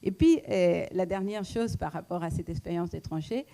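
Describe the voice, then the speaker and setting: A woman with a foreign accent giving a reflective public talk, pausing often with fillers and restarts. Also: lowish voice, dark tone. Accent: foreign accent in French. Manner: hesitant, many fillers and restarts. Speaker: speaker at a talk, economist.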